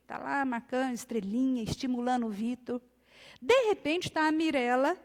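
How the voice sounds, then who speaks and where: A woman with a Brazilian accent teaches scripture to her congregation, animated and acting out little scenes. Her voice sits fairly high. A long reverb from the church hall trails after her words. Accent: Brazilian Portuguese. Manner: animated, acts out little scenes, drops soft for prayer. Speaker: Bible study teacher. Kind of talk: sermon-like Bible study.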